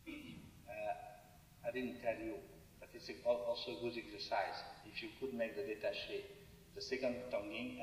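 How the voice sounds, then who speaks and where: Man coaching flute in a hall. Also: mid-range voice. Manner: sings and scats phrases to demonstrate, halting broken phrasing. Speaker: flute teacher. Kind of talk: masterclass coaching. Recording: roomy hall recording from far off with faint noise.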